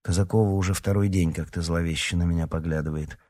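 A man's voice: sits low, steady tone, fast, warm tone. A man reading an audiobook, voicing a kind but grumbling teenage schoolboy. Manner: plain, mildly grumbling.

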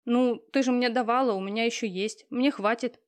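A woman's voice: a little high, fairly even intonation, moderate pace, pitched above the performer's own voice, lightly acted. Flustered young woman student, unsure and nervous, a woman voicing her in an audiobook. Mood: anxious. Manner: hesitant, anxious. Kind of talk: audiobook character reading.

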